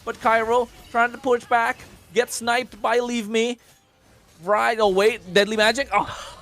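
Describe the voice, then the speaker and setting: A man calls a mobile esports match play by play. His voice sits high and his calls come fast and excited, full of hype chants. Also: faint music behind. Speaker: esports caster. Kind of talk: play-by-play commentary.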